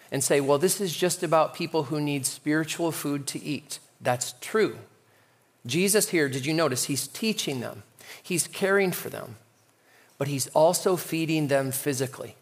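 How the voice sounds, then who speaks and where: A male pastor preaching a sermon in a conversational way, with light humor. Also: medium pitch.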